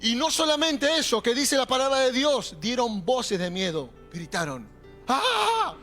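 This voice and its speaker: High-voiced preaching man, Rioplatense accent. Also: normal speed. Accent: Rioplatense Spanish. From Argentina. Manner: animated preaching, calling on the congregation. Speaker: pastor. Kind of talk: sermon. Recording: faint music behind.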